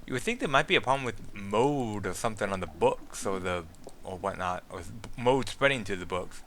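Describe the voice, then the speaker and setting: A man's voice: fairly low pitch, expressive, fairly quick, fairly bright tone, slight background noise. A man giving chatty, joking commentary on a game and reading its texts aloud. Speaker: let's play commentator.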